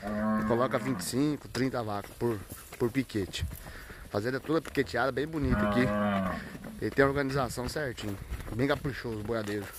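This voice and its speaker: A man vlogging on a cattle farm, talking casually to viewers and breaking off to yell loud herding calls at the cows. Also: mid-range voice, brisk, background noise. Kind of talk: casual farm vlog narration. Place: outdoors on a cattle farm, by the corrals.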